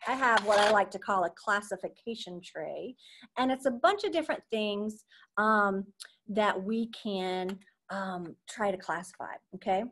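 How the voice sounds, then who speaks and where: A woman's voice: mid-range voice, a little slow, a bit bright. Upbeat young woman teaching kids online. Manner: upbeat, chatty teacher voice, lots of "okay?". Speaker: marine science educator. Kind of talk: online lesson for children. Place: at home. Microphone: video call.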